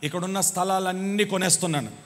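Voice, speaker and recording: A man preaching to his church, his voice high and bright as he fires question after question at the congregation. He switches from loud cries to quiet asides and keeps demanding a louder answer. The hall rings with long reverb behind him. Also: quick pace, a little hiss or hum. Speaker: pastor. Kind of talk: sermon.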